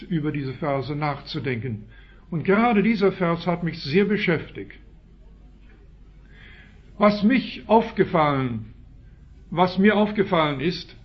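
A man with a Swiss German accent delivers a sermon in a slightly high voice. He punches out key phrases with sudden loud rises, then sinks into quiet asides, captured on a dull, lo-fi recording. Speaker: preacher.

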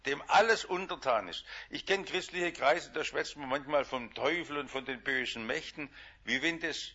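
A man preaching a sermon, shifting between loud emphatic lines and hushed quiet ones. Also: on the high side, normal speed, muffled recording.

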